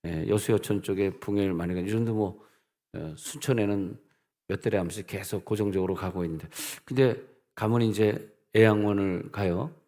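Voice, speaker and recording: A middle-aged male pastor preaching a sermon, his voice sitting fairly low. He tells stories in a playful way, slips into put-on dialect and breaks into sudden loud outbursts. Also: brisk.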